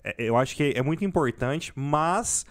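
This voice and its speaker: A man's voice: on the high side, expressive, normal speed. A Brazilian man hosting a casual interview, encouraging his guest and asking lots of questions. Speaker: podcast host.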